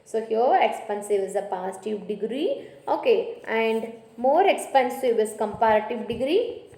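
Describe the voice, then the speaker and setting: A woman with an Indian English accent giving a grammar lecture, slow and repetitive, saying "okay" often. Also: on the high side, animated, dark tone, echoey room. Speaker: college English teacher.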